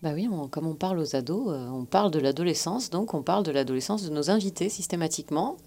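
A woman hosting a radio show for teenagers, chatting with her guest in a friendly way with quick back-channel remarks. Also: low-pitched, expressive, warm tone. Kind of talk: radio interview, casual chat.

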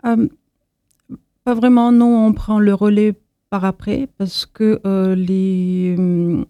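A woman's voice: medium pitch, flat delivery, slow pace, warm tone, no echo. A woman from Moldova, the founder of an association, answering interview questions hesitantly with many fillers and restarts.

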